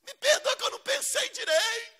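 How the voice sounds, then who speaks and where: A man's voice: very high-pitched, expressive, brisk, in a large hall, voice pushed up, full character voice. A preacher playing a careless young son who whines and begs his father for forgiveness. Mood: pleading. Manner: whiny, pleading, shouted.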